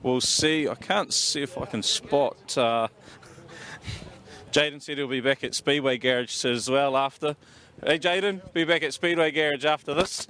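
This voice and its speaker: A man's voice: on the high side, measured pace, sharp tone. Matey man with a broad Kiwi accent. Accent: New Zealand. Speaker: pit-lane interviewer. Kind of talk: casual interview chat. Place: outdoors in speedway pits. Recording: outdoor recording with faint vehicle noise.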